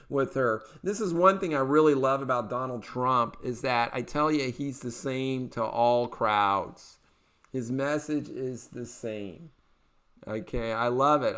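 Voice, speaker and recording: A man's voice: mid-range voice, fairly bright tone. A man hosting a political commentary show, talking in a rambling way with many fillers and restarts. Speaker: podcast host.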